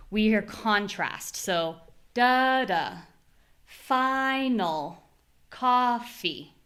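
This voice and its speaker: A woman's voice: mid-range voice, a bit bright. American woman teaching word stress. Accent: General American. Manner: demonstrates word stress by exaggerating syllables; patient, clear explanations. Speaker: pronunciation teacher. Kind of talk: live online class.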